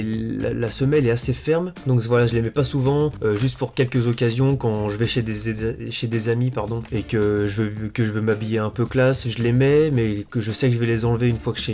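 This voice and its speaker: A man talking casually as a vlogger, presenting things in a relaxed show-and-tell with frequent fillers and self-corrections. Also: on the low side. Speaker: sneaker vlogger.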